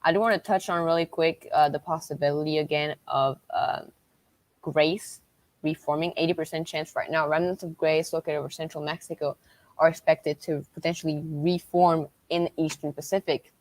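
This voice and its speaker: A woman hosting a livestream as a weather tracker, talking through storm updates unscripted in a halting, repetitive way. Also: low-pitched, fairly even intonation, no room sound.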